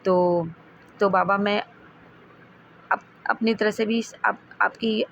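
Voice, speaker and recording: A woman's voice: mid-range voice, fairly even intonation, slow pace, gravelly, highs cut off, a little hiss or hum. A woman sharing devotional experiences in a rambling way, with many restarts and fillers. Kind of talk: devotional testimony talk.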